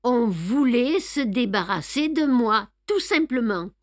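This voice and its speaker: Hercule Poirot, brisk and bossy, as a woman reader puts him on. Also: on the high side, lively intonation, dry recording, studio quality. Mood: triumphant. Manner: brisk, commanding, exclamatory. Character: fussy excitable older male detective. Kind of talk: audiobook reading with voiced dialogue.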